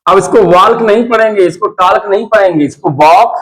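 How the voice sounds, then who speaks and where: A man's voice: high voice, brisk, poor audio. A male English grammar teacher giving a classroom lesson, explaining step by step and often checking that his students follow.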